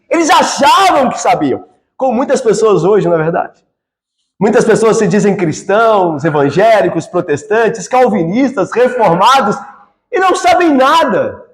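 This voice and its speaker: A man with a Brazilian accent delivers an expository sermon from the pulpit. His voice sits high and swings widely in pitch. He keeps checking in with his listeners through rhetorical questions. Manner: frequent rhetorical questions to the congregation. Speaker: pastor. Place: church.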